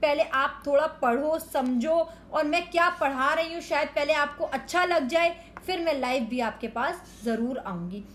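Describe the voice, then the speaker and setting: Her voice sits high and a bit bright as she walks children through a Hindi grammar lesson. The woman goes slowly and carefully, word by word, and blends English words into the explanation.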